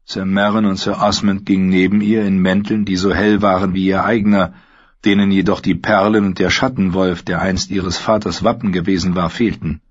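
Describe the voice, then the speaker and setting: A man narrating an audiobook in a steady, low-key reading. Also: moderate pace, slightly rough, lo-fi sound. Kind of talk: scripted narration.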